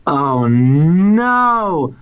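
Male podcast co-host, slightly high voice, excitable and quick to laugh, a little far from a dull mic. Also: a crowd in the background. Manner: excitable, laughs often, swears. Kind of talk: casual chat.

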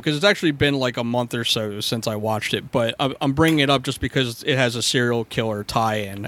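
A man's voice: medium pitch, fairly bright tone. A man on a casual film podcast, rambling a bit and correcting himself as he goes. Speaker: podcast co-host. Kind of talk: casual chat.

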